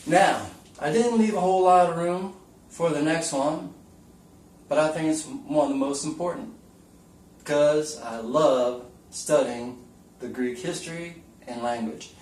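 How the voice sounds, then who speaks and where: A fairly high-pitched man, a bit slow and a bit mellow, teaches casually at a whiteboard, chatting in a folksy way and putting questions to the viewer. The camera is taped to the wall and its mic picks him up from across the room, giving distant, roomy echo.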